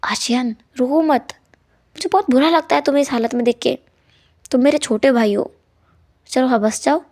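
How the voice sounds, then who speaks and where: A woman voicing a caring older sister who speaks in a soft, comforting way. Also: sits high, normal speed. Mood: soothing.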